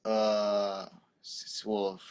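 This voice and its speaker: Speaking casually as an interview guest, a young teenage footballer with Spanish as his first language has a fairly low voice and a clean tone. His answers are relaxed and halting, full of "um" and restarts.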